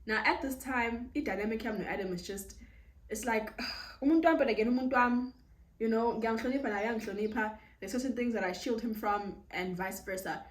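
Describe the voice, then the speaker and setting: A young South African woman with a South African accent, telling a casual storytime vlog, animated and code-switching as she acts out the dialogue. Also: fairly high pitch, fairly quick. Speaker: YouTuber. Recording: roomy, slightly distant mic.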